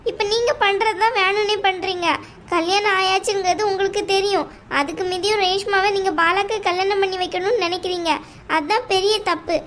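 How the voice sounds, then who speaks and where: A woman's voice: extremely high pitch, fairly bright tone, slight background noise. A woman voicing a young, newly married wife who pleads tearfully with her mother-in-law in an amateur audio drama.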